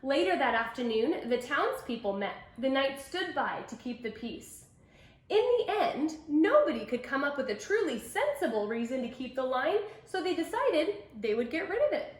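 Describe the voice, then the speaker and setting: A storybook reader with a high-sitting voice and big swings in pitch reads at normal speed to children. She tells the picture book expressively, stressing words and chatting in asides with her young audience. The room is echoey.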